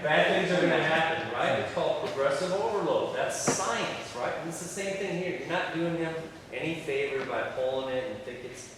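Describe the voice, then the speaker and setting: A man's voice: fairly high pitch, noisy background. A man coaching a football drill, talking in a folksy, encouraging way as he explains and demonstrates to players and coaches. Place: large indoor training hall. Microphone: far from the mic. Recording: echoey hall recorded from far off. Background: crowd of players.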